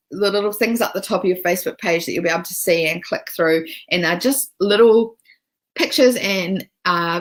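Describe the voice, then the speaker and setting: A woman's voice: fairly low pitch, rough recording. A woman with a New Zealand accent giving a chatty live-streamed business training from home, with frequent ums and restarts. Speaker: business coach. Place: home, cat nearby.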